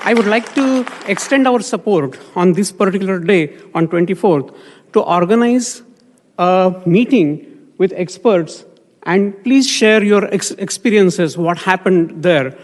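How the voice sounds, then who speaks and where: Halting man from India, echoing chamber. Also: sits high, a faint crowd. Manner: halting, with frequent fillers and restarts. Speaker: public commenter. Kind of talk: public comment at a council meeting. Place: city council chamber. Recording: long hall reverb.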